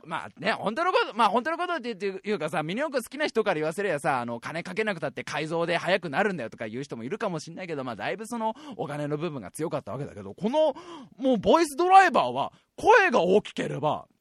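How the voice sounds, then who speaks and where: Man, 20s, podcast host, high voice, quick animated storytelling, dry sound. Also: dry recording. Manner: animated, laughs often while telling. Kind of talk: casual storytelling chat.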